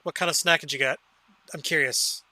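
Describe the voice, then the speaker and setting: Bright, high-voiced male streamer. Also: steady tone, fairly quick, no echo. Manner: rambling, swears casually. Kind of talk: casual gaming chat.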